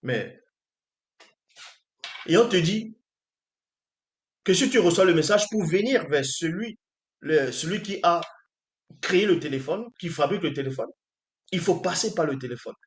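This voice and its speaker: A man preaching with insistence, his voice sitting a little high and pushing his point again and again through pointed questions to the audience. The sound carries a roomy echo around it. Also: animated, moderate pace, long pauses. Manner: emphatic, with repeated rhetorical questions to listeners. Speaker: spiritual teacher. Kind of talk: preaching lecture.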